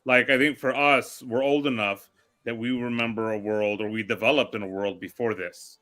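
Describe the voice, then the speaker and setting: A man's voice: medium pitch, fairly even intonation, moderate pace, pushed and bright. A man in a casual group chat, talking reflectively and asking probing questions.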